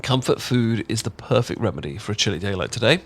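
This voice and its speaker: Quick-paced and lively, this fairly low male voice has a British, English accent; the speaker is from England. Voicing an audio roleplay, he's a shy, affectionate young roommate in intimate ASMR, warm and chatty and stumbling over words when flustered.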